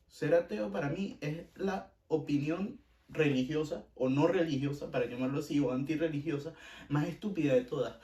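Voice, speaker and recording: Blunt opinions, repeated for emphasis, come from a Venezuelan-accented man hosting a casual podcast. He has a fairly high pitch and a darkish tone, heard through a distant mic in an echoey room.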